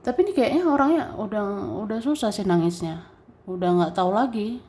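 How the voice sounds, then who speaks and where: A woman giving a general tarot reading straight to the listener in a relaxed, chatty way, with many fillers and soft laughs. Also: mid-range voice, fairly quick. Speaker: tarot reader.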